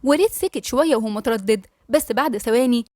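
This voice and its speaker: An Egyptian woman reading a novel aloud in a brisk, friendly manner as host of her story channel. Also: fairly high pitch, mellow, slight background noise.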